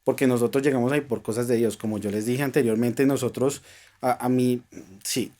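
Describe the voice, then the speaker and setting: A man's voice: mid-range voice, steady tone, brisk. Earnest Colombian man telling his story. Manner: earnest, emotional, speaks of faith, drops to soft tones at tense moments. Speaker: guest. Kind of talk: personal storytelling in a podcast interview.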